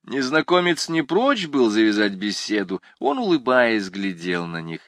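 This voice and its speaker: Guy reading a classic novel aloud, really lively up-and-down voice, dry close mic. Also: fairly low pitch, unhurried, dry recording. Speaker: audiobook narrator. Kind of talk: expressive literary narration.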